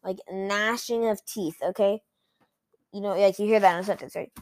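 A woman's voice: medium pitch, fairly even intonation, moderate pace. Rambling comedic woman vlogger. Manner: rambling, heavy use of "like" and restarts. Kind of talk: casual comedic rant.

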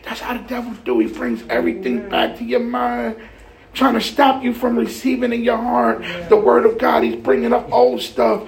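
A man preaching a lively sermon, getting excited, shouting and laughing as he explains scripture. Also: very high voice, normal speed, creaky.

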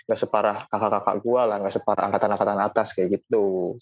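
A man's voice: fairly low pitch, flat delivery, fast talker, muffled recording. A man in a casual podcast chat, repeating words as he searches for phrasing.

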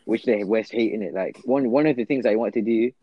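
A man's voice: on the low side, brisk, husky, no room sound, dull audio. A young man with a London roadman accent chatting casually in slang, often repeating his phrases. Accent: London, urban roadman slang. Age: young adult. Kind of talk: casual group chat.

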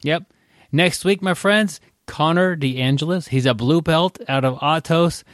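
A man's voice: fairly high pitch, measured pace, a bit bright, dry recording, clean studio sound. A man hosting a casual podcast, talking in a rambling way with many fillers and restarts. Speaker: podcast host.

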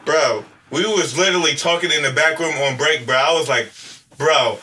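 A man's voice: fairly high pitch, fairly quick, bright, forceful tone. A man talking like a frat bro in casual podcast banter, full of slang and "bro". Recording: slightly distant mic, noisy background.

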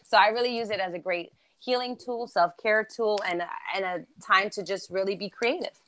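Speaking at a normal speed in a mid-range, slightly bright voice, this interview guest keeps things casual, cheerful and encouraging. German is her native tongue and Germany her birthplace, yet her English carries an American East Coast accent.

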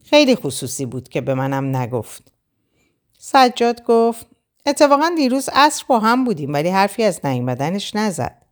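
A woman narrating a first-person novel aloud in an expressive storytelling manner. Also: medium pitch. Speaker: audiobook narrator.

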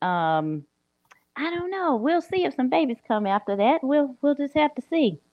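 A woman's voice: sits high, sing-song, moderate pace, dry recording, narrow, tinny audio. A woman, joking offhandedly as co-host in a casual chat. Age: 40s. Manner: joking, offhand, laughs easily.

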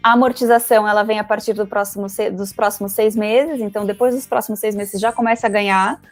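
A woman speaking as a financial advisor guest in a casual interview, talking quickly and chattily with many fillers. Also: medium pitch, fairly even intonation, no echo, soft background music. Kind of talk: casual interview explaining investments.

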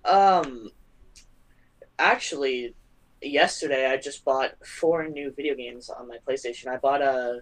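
A man appearing as a guest on a casual podcast, answering in a relaxed, hesitant way with frequent ums. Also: medium pitch, rough recording.

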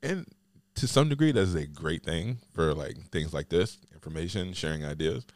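Man, podcast host, very deep voice, dry close sound, rambling casual chat. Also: expressive, normal speed, darkish tone, no echo. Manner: rambling, heavy use of "like" fillers.

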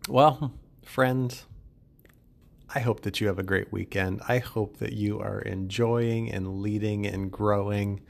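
Low gravelly guy hosting his own podcast, upbeat and chatty. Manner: upbeat and chatty, jokes with listeners. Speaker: podcast host. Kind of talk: solo podcast monologue.

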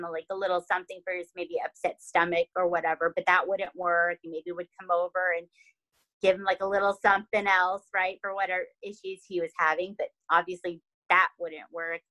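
A young adult woman casually telling a true crime story, animated and dramatic, peppering her talk with "like" and "right?". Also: lowish voice, poor audio.

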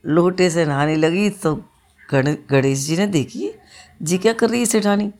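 A woman's voice: fairly low pitch, measured pace, a little mellow. A woman, telling a religious folk tale in a plain, homely way. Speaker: storyteller.

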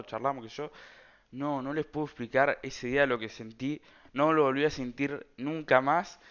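A man's voice: fairly high pitch, a bit bright, lo-fi sound. A man with an Argentine Rioplatense accent telling a personal story in a casual, rambling way, full of slang and fillers. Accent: Argentine Rioplatense Spanish. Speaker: storyteller vlogger.

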